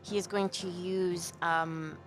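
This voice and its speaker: A woman from Scotland playing a tabletop game, talking hesitantly and filling pauses with um. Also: fairly low pitch, fairly even intonation, faint music behind. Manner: hesitant, full of ums. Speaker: player. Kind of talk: casual tabletop game chat.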